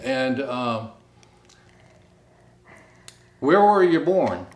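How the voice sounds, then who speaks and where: Slow patient male interviewer, echoey room. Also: medium pitch, expressive. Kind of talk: interview questions.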